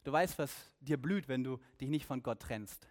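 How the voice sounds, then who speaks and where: A man voicing a threatening male rebel leader who speaks in a lowered, demanding voice. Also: moderate pace, close to an everyday voice.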